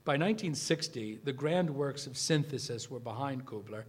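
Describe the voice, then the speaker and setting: A man's voice: mid-range voice, animated, moderate pace, slightly rough. Older man giving an anecdotal lecture. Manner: anecdotal, with frequent uh fillers and restarts. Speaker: lecturer, former student. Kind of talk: academic lecture, part read aloud. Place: lecture event, evening.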